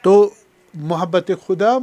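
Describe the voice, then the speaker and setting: A male Islamic scholar with a Kashmiri accent delivers a religious lecture, his voice sitting a little high. He teaches by questioning his listeners and slows down to recite Arabic. The sound is close and dry, with no room around it. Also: dark tone, no echo, lo-fi sound. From Pakistan. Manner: explains by asking the audience questions; recites Arabic quotations slowly.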